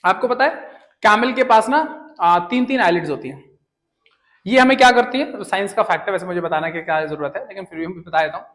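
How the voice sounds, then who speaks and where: This chatty young man talks fast in a voice that sits high and sounds a bit bright. Joking his way through English words, he keeps asking questions and supplying his own answers.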